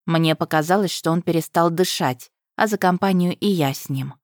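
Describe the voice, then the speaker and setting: Audiobook reader, woman, low register, dry studio read. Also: moderate pace, no echo. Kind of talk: first-person fantasy audiobook narration.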